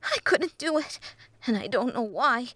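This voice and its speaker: A woman's voice: a little high, expressive, unhurried, fairly bright tone, slightly rough, dry recording, voice pushed up, exaggerated voice, rough recording. A woman voicing a frightened, guilt-ridden small male imp who stammers and pleads. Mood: anxious.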